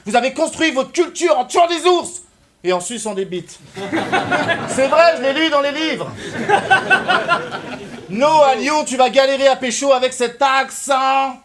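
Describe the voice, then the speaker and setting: Very high-voiced mocking battle rapper. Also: male voice, unhurried, long pauses, noisy background. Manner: mocking, loud taunting delivery. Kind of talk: a cappella rap battle verses.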